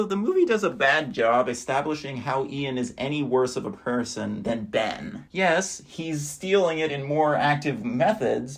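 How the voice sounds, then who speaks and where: A man giving a casual, wry voice-over review of movies he watched, with dry asides. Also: on the high side.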